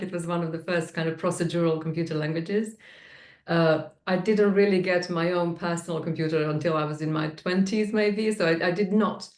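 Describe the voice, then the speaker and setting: Serbian-accented woman, low, echoey room. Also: darkish tone. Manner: hesitant, many fillers and restarts, laughs easily. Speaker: guest, tech manager. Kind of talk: casual interview chat.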